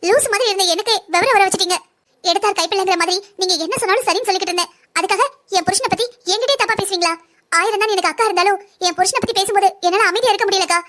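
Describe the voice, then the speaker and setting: A woman voicing a very high-pitched young wife. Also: very fast, a bit bright. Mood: defiant. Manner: pleading yet defiant. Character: young wife and mother, a doctor, defiant. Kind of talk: cartoon drama voice acting.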